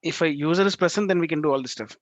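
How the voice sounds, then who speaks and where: A man teaching a live online class over a video call, talking in halting bursts with restarts and frequent check-ins with his students. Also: fairly high pitch, no echo. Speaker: instructor. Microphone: video call microphone. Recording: dull lo-fi call audio.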